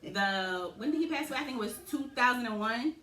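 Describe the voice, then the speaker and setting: A woman co-hosts a loose, laughing podcast chat, tossing in slang and "you know what I'm saying" as she goes. Her voice is bright and sits a little high. The room around her sounds echoey. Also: animated, a little fast, slight background noise. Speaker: podcast co-host.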